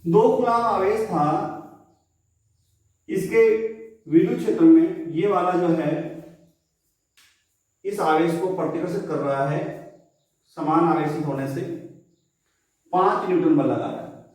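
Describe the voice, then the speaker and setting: A man's voice: a little high, darkish tone. Echoey distant male physics teacher. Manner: asks the class questions and answers them himself; slows down and stretches out key phrases. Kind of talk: classroom lecture. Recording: very echoey room, distant from the mic.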